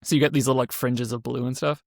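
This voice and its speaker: Gravelly-voiced man in his 30s, indie dev guest, loose rambling delivery, dry close sound. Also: medium pitch, steady tone, quick pace, dry recording. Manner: rambling, self-correcting, frequent fillers. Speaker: indie game developer guest. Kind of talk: casual interview talk.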